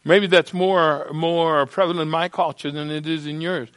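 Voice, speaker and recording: An older man preaching a sermon to a congregation, emphatic and swinging from soft asides to loud declarations, with halting restarts and repeated words. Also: on the high side, steady tone, dry recording. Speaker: pastor. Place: church sanctuary.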